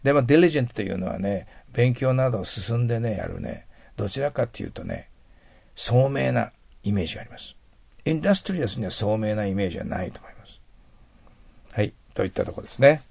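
A middle-aged man teaches an English vocabulary lesson, patiently explaining and often letting the ends of his phrases fade to a near whisper. His mid-range voice is sing-song and brisk, slightly mellow, with vocal fry.

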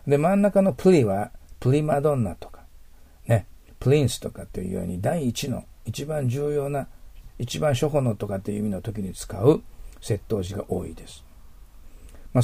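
Breaking English words down to their roots one step at a time, a Japanese-speaking teacher asks his listeners rhetorical questions in this recorded lesson. His mid-range voice is creaky, dark and slightly rough, and the audio has no room sound.

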